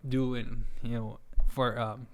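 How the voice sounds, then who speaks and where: A young man about twenty, from Juarez, Mexico, talks as a guest musician in a relaxed interview. His voice is smooth and clear, sitting at an ordinary middle pitch. He rambles, restarts often and laughs easily. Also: takes it slowly. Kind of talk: casual interview chat.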